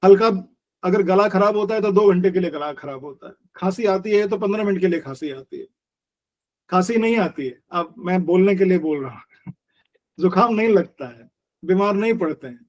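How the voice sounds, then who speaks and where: एक साठ वर्षीय पुरुष योग शिक्षक, जो एक बातचीत में गंभीरता से समझाते हुए हिंदी और भारतीय अंग्रेज़ी मिलाकर बोलते हैं।. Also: male voice, sits high, animated, moderate pace, dull audio. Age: 60s. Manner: earnest, explanatory, mixes Hindi and English, uses everyday analogies. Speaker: yoga teacher. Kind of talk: conversational interview.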